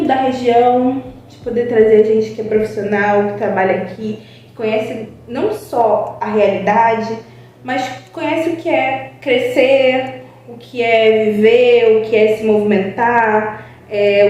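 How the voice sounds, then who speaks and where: A young Brazilian psychologist, appearing as a guest, talks informally to a web TV channel in a mellow, fairly high voice. She sounds earnest and reflective, often pausing on a drawn-out filler. She sits far from the mic in a strongly echoing room, with faint music underneath.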